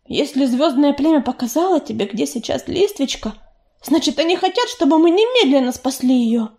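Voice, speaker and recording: A plain-spoken warrior she-cat from a storybook, as a woman reader puts her on. She talks quietly and matter-of-factly, with a sad resolve. The voice sits fairly high. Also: lively intonation, moderate pace.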